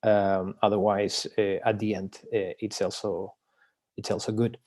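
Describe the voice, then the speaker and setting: Low-pitched and somewhat dark in tone, a man from Chile speaks levelly as he presents his book in an academic talk held by video call. He often pauses with fillers and restarts his phrases.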